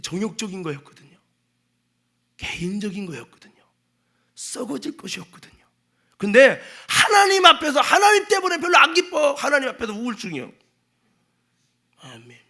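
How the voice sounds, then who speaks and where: A male pastor giving a Sunday sermon in a church, emphatic and dramatic, acting out quotes and sometimes shouting. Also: very high-pitched, big pitch swings, normal speed, vocal fry, long pauses. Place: church sanctuary.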